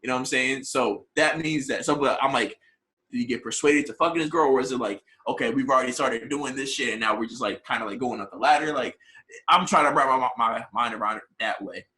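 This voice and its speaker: A young man talks fast in a casual podcast chat, blunt and slangy and swearing freely. His voice is bright and forceful, at a middle pitch. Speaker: podcast co-host.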